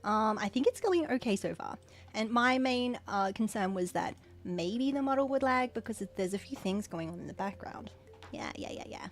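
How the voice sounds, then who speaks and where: A woman hosting a casual livestream, excitedly thanking viewers and stumbling over her words. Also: a little high, moderate pace. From Australia. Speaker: livestream host.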